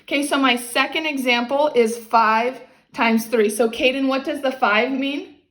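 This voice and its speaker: A woman's voice: high voice, a little slow, a bit bright. A woman tutoring a child one-on-one, explaining step by step in an encouraging way and often checking for understanding. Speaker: maths teacher tutoring a child. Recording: echoey, roomy sound.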